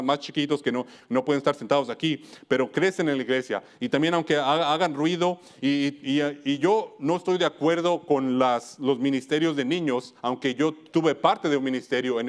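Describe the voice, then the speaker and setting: A man from Wisconsin preaching a church sermon, earnest, often stopping to restart and correct himself mid-phrase. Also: mid-range voice. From United States (Wisconsin).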